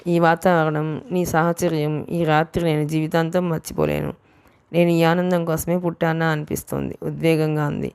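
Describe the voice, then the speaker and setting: A woman's voice: deep voice, flat delivery, normal speed, darkish tone, clean tone, no echo. A woman reading as a playful young woman in love. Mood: moved. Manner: playful, teasing.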